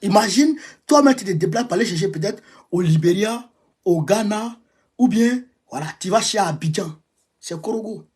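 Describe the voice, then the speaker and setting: A man with an Ivorian French accent holds forth in a heated monologue. His voice is husky, and he leans on repetition, hammering the same phrases. He keeps lurching from loud bursts of indignation down to low, grumbling asides. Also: lively intonation, moderate pace. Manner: emphatic and repetitive, veering between raised outbursts and low muttering. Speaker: political commentator. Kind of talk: impassioned monologue.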